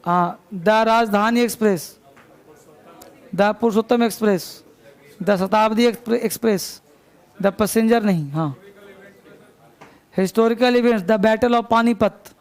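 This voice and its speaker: Man, classroom dictation, spells words letter by letter, high gravelly voice. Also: measured pace, pauses often. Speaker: teacher.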